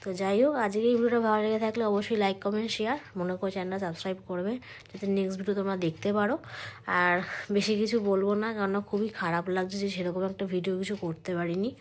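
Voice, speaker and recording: A young woman vlogging casually at home late at night, speaking quietly because she feels unwell and others are asleep, slipping English words into her talk. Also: mid-range voice, flat delivery, very fast. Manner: chatty, mixes English words into Bengali. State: feeling unwell. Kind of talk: casual vlog chat.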